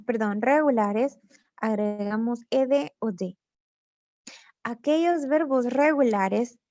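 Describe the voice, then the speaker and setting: A woman teaching English grammar online, walking through each rule slowly and patiently. Her voice sits a little high, and it comes through a dull, dry lo-fi computer mic. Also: a little mellow, no room sound. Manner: patient, explains step by step in Spanish with English examples. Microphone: computer mic on a video lesson.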